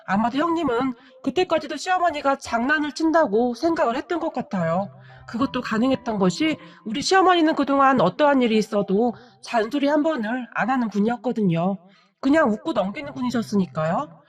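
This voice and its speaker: A woman's voice: high-pitched, lively intonation, a little fast. A woman narrating a family drama story in a gossipy, retelling manner. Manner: gossipy, recounting hearsay.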